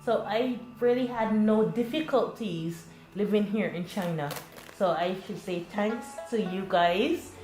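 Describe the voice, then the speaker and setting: A woman's voice: mid-range voice, measured pace, a little mellow. Barbados woman teacher chatting with students, friendly, echoey classroom, music behind. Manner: chatty, encouraging, laughs often. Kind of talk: classroom discussion.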